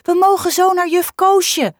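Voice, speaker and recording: Shrill excited kindergartners. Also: female voice, measured pace, no room sound, studio quality. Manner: shrill, chanting. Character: group of excited young kindergartners. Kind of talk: storybook reading.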